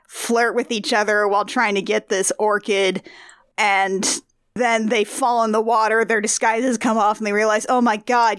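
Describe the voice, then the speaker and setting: A woman's voice: medium pitch, clear, resonant tone, no room sound, clean studio sound. A woman co-hosting a podcast, chatting wryly with lots of "like". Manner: wry, chatty with many "like" fillers. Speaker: podcast co-host. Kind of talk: casual chat.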